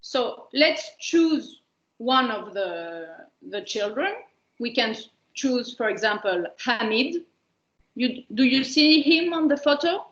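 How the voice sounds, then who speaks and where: Greek-accented woman presenter, high voice, unhurried, roomy lo-fi call audio. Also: animated, fairly bright tone. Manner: slow, questioning, speaks as a child role in first person. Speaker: workshop presenter. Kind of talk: guiding a webinar activity.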